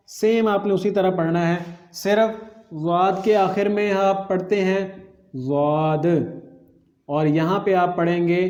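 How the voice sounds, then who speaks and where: A man with a fairly high voice teaches the correct articulation of letters step by step. He repeats each sound slowly and checks that listeners follow. The room gives his voice a noticeable echo. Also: a little mellow. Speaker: Quran pronunciation teacher. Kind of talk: patient step-by-step lesson.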